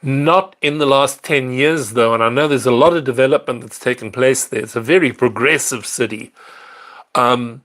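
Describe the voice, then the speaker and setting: A man's voice: mid-range voice, moderate pace, fairly bright tone. Chatty man, live-stream host. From South Africa. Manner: chatty and rambling, with fillers and self-corrections. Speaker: livestream host answering viewer questions. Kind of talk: casual live-stream chat. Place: apartment in a large city.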